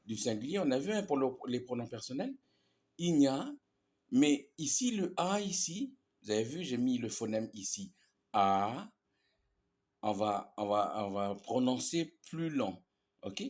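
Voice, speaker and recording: A man's voice: mid-range voice, big pitch swings, normal speed, darkish tone. A man teaching a language lesson, explaining grammar patiently and repeating each example with frequent "ok?" checks.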